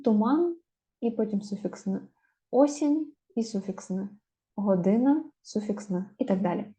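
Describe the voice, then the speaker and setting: A woman giving a spelling lesson, slowly drawing out each example word to stress it. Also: medium pitch, dark tone. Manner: slow, drawn-out stressing of example words. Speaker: teacher. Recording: dull lo-fi sound.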